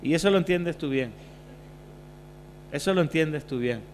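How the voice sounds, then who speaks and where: A male pastor preaching a sermon, moving between quiet passages and loud, emphatic bursts. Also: a little high, moderate pace. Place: church hall. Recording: reverberant church hall, faint hum.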